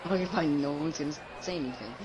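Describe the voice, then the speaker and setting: A man's voice: fairly high pitch, fast, a faint crowd. A man playing a music game with friends, joking and teasing them in casual chat. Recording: loud background noise.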